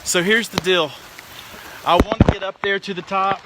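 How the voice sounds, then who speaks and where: High-voiced Southern man in windy outdoor noise. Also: normal speed. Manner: folksy, excitable, exclaiming. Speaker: amateur weather reporter. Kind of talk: casual live storm report. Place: outdoors up a tree in wind and rain. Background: storm wind and rain.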